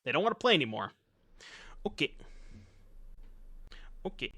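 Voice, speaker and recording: Streaming a card game from home, a man in his thirties reads his chat and jokes around over a desk mic with webcam. He's very animated at a moderate pace, with a slightly high, sharp-toned voice.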